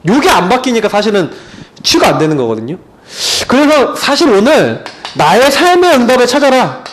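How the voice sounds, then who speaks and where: A man's voice: very high-pitched, huge pitch swings, moderate pace, a little hiss or hum. A middle-aged male pastor preaching a sermon in a conversational way, telling family stories and asking rhetorical questions.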